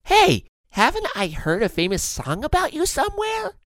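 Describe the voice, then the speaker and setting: High, wavering stick bug. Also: male voice, huge pitch swings, normal speed, a bit bright, no room sound, clean studio sound, full character voice. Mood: musing. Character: wondering male walking stick bug.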